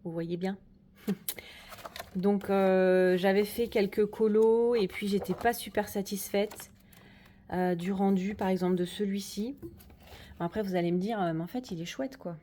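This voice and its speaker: A woman's voice: medium pitch, steady tone, measured pace, mellow, slight background noise. A woman chatting casually through a tour of her coloring corner, hesitant and friendly. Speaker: coloring hobby vlogger. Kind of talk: casual room tour chat.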